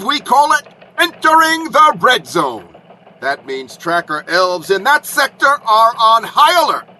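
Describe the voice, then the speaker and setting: A man acts out an eager Christmas elf reporting for mock radio news. The voice is high and bright, with lively swoops and emphatic, folksy confidence. There is faint noise behind it. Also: exaggerated voice, rough recording. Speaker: elf reporter at flight command.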